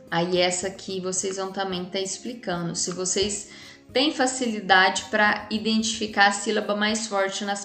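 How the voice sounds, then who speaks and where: Explaining a lesson to kids in a chatty, casual way, this teacher has a Brazilian Portuguese accent and keeps using tag questions to check in. Her mid-range voice has a fairly bright tone, and faint music plays in the echoey room.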